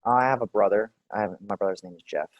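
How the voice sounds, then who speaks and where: In a role-play clinical interview, a Texan man in his forties answers questions in a relaxed, hesitant manner, using many fillers. His voice is fairly low and fast, with no room sound.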